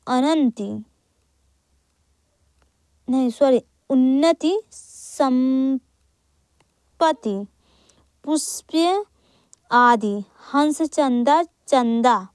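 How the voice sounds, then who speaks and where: A woman's voice: sits high, darkish tone, no room sound. A woman teaching an exam-prep grammar lesson, repeating each point and asking then answering her own questions. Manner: corrects herself aloud with quick apologies.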